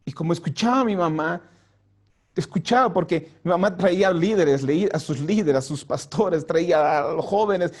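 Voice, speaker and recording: A male pastor telling his conversion story to a youth group in an earnest storytelling way, dropping soft and slow for prayers. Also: on the high side. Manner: earnest storytelling, acts out quoted lines in a raised voice. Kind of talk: personal testimony to a youth group. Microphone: home mic for an online vigil.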